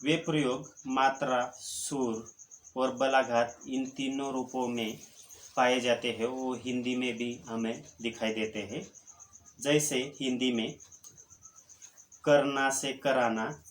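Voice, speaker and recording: A middle-aged man giving an online grammar lecture, listing terms one by one with pauses and filling gaps with a drawn-out "a". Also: mid-range voice, fairly even intonation, a little hiss or hum. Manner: slow, deliberate, lists terms one by one with pauses. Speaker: college lecturer.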